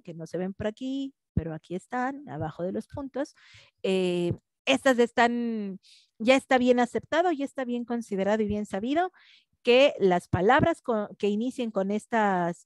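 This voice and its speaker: A woman's voice: a little high, darkish tone, no echo, clean studio sound. A woman teaching a class in a conversational way, often checking in with tag questions. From Mexico. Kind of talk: online class lecture.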